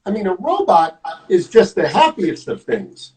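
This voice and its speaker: A man's voice: sits high, wildly swooping pitch, measured pace, a little mellow, recorded from a distance, voice pushed up, exaggerated voice, rough recording. A man reading the lines of Piggy, a worried friendly pig from a picture book, in an earnest simple way. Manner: earnest, simple storybook delivery.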